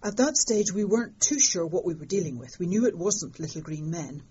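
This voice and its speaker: An older woman, an astronomer, recounts a discovery in a relaxed conversational interview, speaking a little fast in a low, husky voice. Her storytelling is lively, wry and vivid, with a fondness for understatement. The recording sounds somewhat dull and lo-fi.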